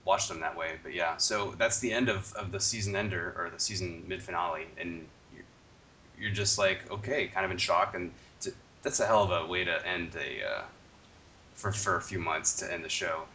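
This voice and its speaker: A man co-hosting a podcast, recapping a show in a rambling, halting way. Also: low voice, far from the mic, a little hiss or hum. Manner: rambling, halting recap with mock-shouted quotes. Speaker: podcast co-host. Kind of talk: casual chat.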